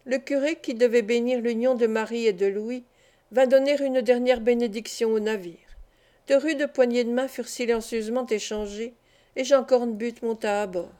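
A woman narrates a classic novel in a calm, measured audiobook reading. Her voice sits fairly high but sounds mellow and soft-edged. She lifts it a little when the characters speak. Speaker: audiobook reader.

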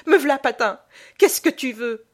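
A woman's voice: medium pitch, very animated, a little slow, slightly rough, heavily acted. A woman doing a frightened, cowed widow. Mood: fearful. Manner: fearful, pleading.

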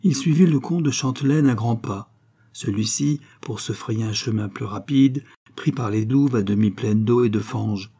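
A man narrating a historical novel in a measured, expressive reading. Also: medium pitch, breathy edge. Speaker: audiobook narrator. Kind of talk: scripted narration.

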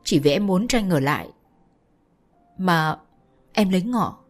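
A woman's voice: on the low side, animated, a little slow, faint music behind. A woman voicing a tearful young woman. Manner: tearful, pleading.

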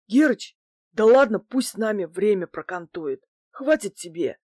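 A woman's voice: mid-range voice, lively intonation, measured pace, darkish tone, no room sound, studio quality. A woman voicing a short, grey-haired male petty crook who talks in a laid-back, coaxing way with street slang, in an audiobook. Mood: easygoing. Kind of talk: audiobook character voice.

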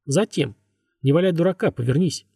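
A man reading a gruff, hot-tempered male leader who barks orders. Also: fairly high pitch, a little fast, warm tone, no room sound, studio quality, far from the mic, voice pushed up. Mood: commanding. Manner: barking orders.

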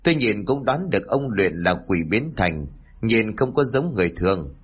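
Man doing a sly gossiping village man, low and husky. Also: very animated, normal speed. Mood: insinuating. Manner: insinuating, whispering gossip.

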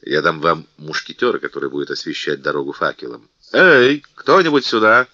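A man's voice: extremely low pitch, steady tone, quick pace, sharp tone, no room sound, dull audio, pitched below the performer's own voice. A man reading the part of a bold, jovial middle-aged musketeer captain who speaks in a hearty, persuasive way.

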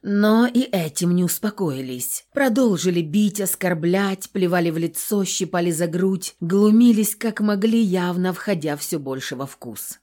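A woman narrating a story in the first person with a tense, dramatic delivery. Her voice sits slightly low for a woman. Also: expressive, unhurried, hardly any pauses, dark tone. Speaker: audiobook narrator.

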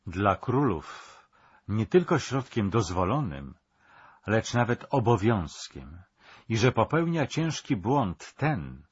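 A man narrates a history documentary in a low, husky voice. He reads in a measured, dramatic storytelling way. The recording sounds dull and lo-fi. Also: very animated.

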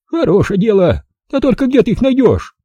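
A man voicing a feisty, sharp-tongued old village woman in an audiobook, scolding in a brusque rustic way. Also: very high voice, very animated, normal speed, husky, no room sound, highs cut off, pitched above the performer's own voice, heavily acted. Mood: chiding. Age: older.

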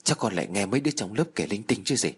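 A man voicing a worried, sharp-tongued middle-aged mother in a spooken horror story. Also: on the low side, expressive, rapid-fire, husky. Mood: dismissive. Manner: sharp, scolding, then secretive. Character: anxious scolding middle-aged village mother.

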